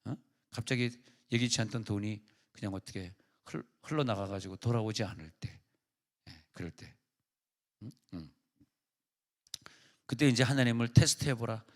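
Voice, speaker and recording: A man's voice: on the low side, normal speed, pauses often. Conversational middle-aged-sounding male pastor preaching. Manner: conversational preaching with anecdotes and acted quotes. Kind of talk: sermon. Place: church revival service.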